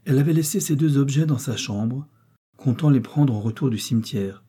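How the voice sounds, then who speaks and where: A man reading a romantic novel aloud as an audiobook narrator, in a measured, expressive way. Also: medium pitch, breathy edge. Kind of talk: scripted narration.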